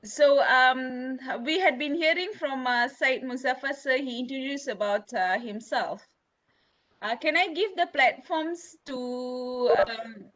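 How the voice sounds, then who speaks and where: Malaysian woman on a video call, high voice, lots of ums, chatty host. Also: fairly bright tone. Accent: Malaysian English. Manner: chatty, many fillers. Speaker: academic host of online session. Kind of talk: informal online discussion.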